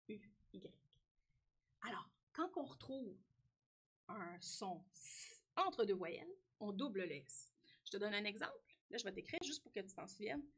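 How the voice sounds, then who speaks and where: Lively Québécois woman teaching children. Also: a little high, breathy edge. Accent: Québécois French. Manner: lively, talks directly to the child, frequent "hein?". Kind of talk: French lesson for young children.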